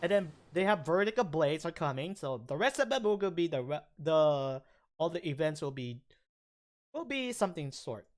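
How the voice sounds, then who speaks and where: A man streaming his game rolls in casual commentary, halting and rambling between excited bursts, with a morning voice. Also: a little high. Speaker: gaming streamer. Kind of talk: casual gacha-roll commentary.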